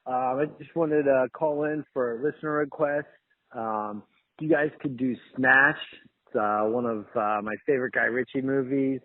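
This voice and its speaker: A man's voice: mid-range voice, steady tone, moderate pace. A man from Ohio leaving a casual voicemail over a landline phone, hesitant and full of ums and uhs. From Ohio, USA. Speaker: listener leaving a voicemail request. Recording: tinny phone-line voicemail.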